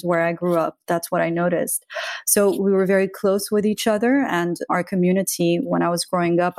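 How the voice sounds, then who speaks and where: A woman in her forties from Iran speaks as a podcast guest, reflective and thoughtful. Her voice is lowish and fairly flat in melody, and it sounds dry and close. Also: no room sound. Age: 40s. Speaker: interview guest. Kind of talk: conversational interview.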